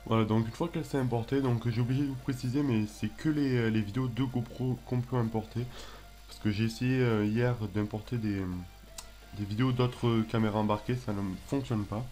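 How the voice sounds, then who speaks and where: A young man with a French accent hosting a casual software tutorial, hesitant and self-mocking, with many fillers and restarts. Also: medium pitch, steady tone, brisk, faint music behind. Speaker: tutorial host. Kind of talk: casual screen-recorded tutorial.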